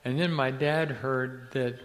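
A man's voice: medium pitch, steady tone, slow, slight background noise. An older man from Ecuador, a missionary's son, telling stories as an interview guest and often searching for words and restarting. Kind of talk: storytelling in a faith interview. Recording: long hall reverb.

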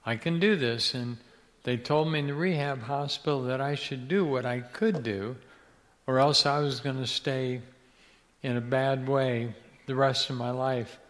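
A man's voice: medium pitch, unhurried. An older man from Ecuador, a missionary's son, telling stories as an interview guest and often searching for words and restarting. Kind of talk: storytelling in a faith interview. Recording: long hall reverb.

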